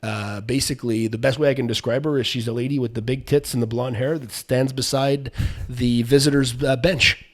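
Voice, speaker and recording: A male podcast host in casual sports chat, with a voice of ordinary middle pitch. He rambles loosely and drifts from one topic to the next. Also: fairly even intonation, a little fast.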